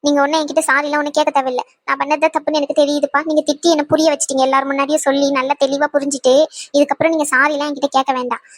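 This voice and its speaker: A woman's voice: high voice, level tone, dry recording, lightly acted. A woman voicing a young wife in a cartoon who scolds her husband in a hurt, indignant way. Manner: reproachful, rapid and indignant. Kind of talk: cartoon voice acting.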